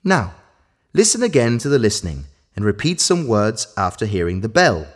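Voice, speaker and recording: A man's voice: lowish voice, very animated, normal speed. A man giving scripted instructions as the presenter of a listening exercise.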